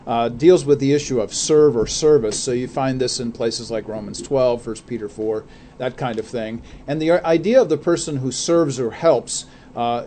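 A man's voice: medium pitch, mellow. Guy on a church radio show, earnest, lots of uhs, mid voice. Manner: earnest, many fillers and restarts. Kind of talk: casual radio talk.

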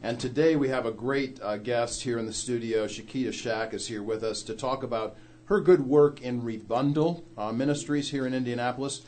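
A man's voice: mid-range voice, darkish tone. Preacherly male radio show host. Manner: measured, preacherly, hesitant with fillers. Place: radio studio.

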